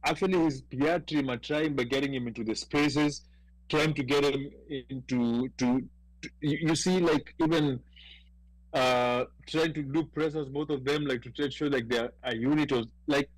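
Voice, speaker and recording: A man's voice: medium pitch, moderate pace, no room sound, low-quality recording. A man with a Kenyan accent in a casual panel discussion, talking emphatically and repeating words as he presses a point.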